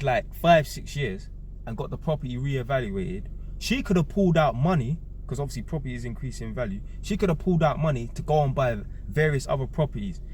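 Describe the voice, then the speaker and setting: A man's voice: mid-range voice, a little mellow, a little hiss or hum. A man, giving a blunt, emphatic monologue to camera, repeating key words and swearing freely. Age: 30s. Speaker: vlogger.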